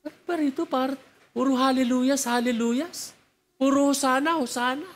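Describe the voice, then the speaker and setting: A man's voice: very high voice, pitched above the performer's own voice. A man voicing a cheerful, chatty male politician in the afterlife, with a Filipino accent. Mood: chatty, puzzled. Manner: quick, excited, chatty.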